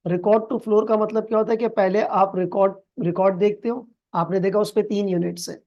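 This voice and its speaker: A man tutoring for an accounting exam in a recorded video lecture. He speaks with a Pakistani Urdu accent, mixes in English terms, keeps calling his students "beta", and reads English passages slowly and deliberately. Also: high voice, fairly even intonation, darkish tone, lo-fi sound.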